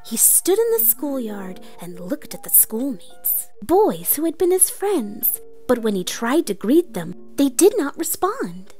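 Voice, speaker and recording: A woman with a high voice and wide pitch swings speaks at a measured pace with hardly any pauses, her tone mellow over faint background music. She plays an earnest, theatrical narrator of a storybook read-along, a comic author-narrator persona performed as female, and the mood is dramatic and earnest.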